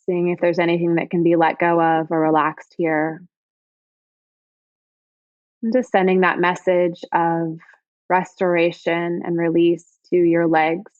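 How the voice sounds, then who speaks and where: Speaking in a lower register, a woman who teaches yoga leads a guided body scan meditation with soothing, gentle, unhurried phrasing and pauses. The lo-fi sound is very dry with no echo and somewhat muffled.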